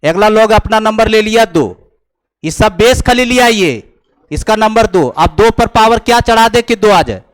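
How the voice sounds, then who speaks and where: Slow, high-voiced math teacher. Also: male voice, expressive. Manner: slow, teasing, mixing Hindi and English, chuckling asides. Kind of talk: classroom lecture. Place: coaching classroom.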